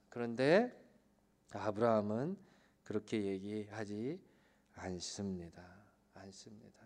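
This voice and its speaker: A man preaching a sermon as pastor. He swings between loud, emphatic peaks and quiet, low asides, and he keeps asking the congregation questions. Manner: asks the congregation questions and leads group reading.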